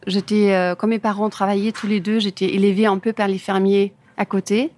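A brisk, slightly mellow woman's voice of medium pitch and little pitch movement answers interview questions. She's a native German speaker from Germany with a German accent, a furniture designer talking casually about her career in imperfect French and often searching for words.

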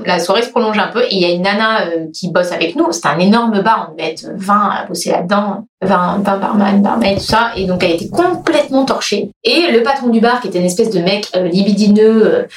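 A woman's voice: mid-range voice, a little fast, reverberant, recorded from a distance. A woman hosting a casual podcast chat, telling travel stories with lots of laughter. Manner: animated storyteller, laughs often. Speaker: podcast host.

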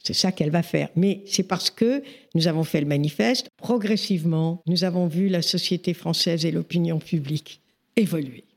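An older woman, a feminist activist, telling a personal story with lively delivery and a slightly gravelly voice. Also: on the low side, normal speed. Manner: animated, raises her voice when quoting herself.

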